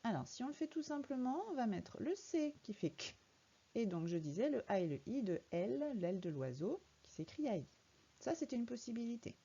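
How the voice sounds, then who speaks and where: A woman's voice: a little high, very animated, brisk, mellow, husky, lo-fi sound. A woman teaching a young child to read in a recorded lesson, patiently spelling words out letter by letter. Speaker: primary school teacher.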